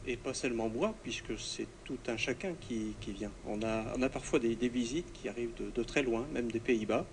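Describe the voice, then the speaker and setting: A man, a parish priest, answering interview questions earnestly and haltingly inside an echoing church. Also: mid-range voice, a little hiss or hum. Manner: halting, searching for words, earnest. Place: inside a church under renovation.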